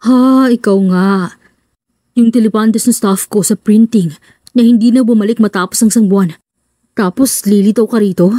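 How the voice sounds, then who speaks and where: A shrill, effeminate male manager bullies his staff and then grovels to his boss, as a woman narrator puts him on. The sound is mellow and dry, read close for an audiobook. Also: normal speed, no echo, lightly acted. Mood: mocking. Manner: shrill, scolding, then fawning. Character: effeminate bossy male print-shop manager.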